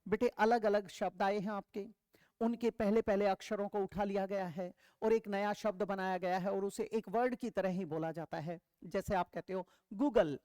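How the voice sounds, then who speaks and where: A woman teaching an exam vocabulary lesson, asking questions and answering them herself, reading English definitions slowly. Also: mid-range voice, fairly even intonation, warm tone, dry recording. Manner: explains step by step, asks and answers her own questions, calls students "beta".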